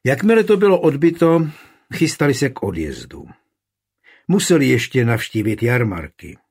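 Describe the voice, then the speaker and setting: A man reads a historical novel aloud, measured and even. His middle-pitched voice is husky, with a breathy grain throughout. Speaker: narrator. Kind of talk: audiobook narration.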